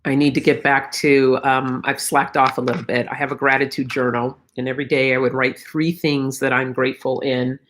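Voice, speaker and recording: A middle-aged woman hosts a live oracle card reading on a casual spiritual livestream, her voice extremely low, level, slightly froggy and tired. She talks briskly with hardly any pauses, speaking reflectively and encouragingly straight to her viewers.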